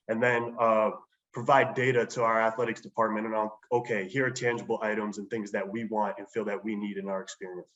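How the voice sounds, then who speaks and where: A young man in a mid-pitched voice tells his own story earnestly. He speaks steadily, with frequent "uh" fillers between his points. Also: fairly bright tone, poor audio. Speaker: guest, inclusion administrator. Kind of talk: personal account.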